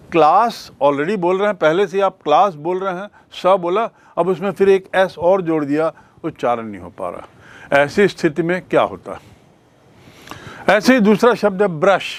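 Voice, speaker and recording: A man with a Hindi accent teaching English grammar in a classroom lesson, patiently repeating key words back as questions to his students. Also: high voice. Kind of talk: classroom lesson explaining rules.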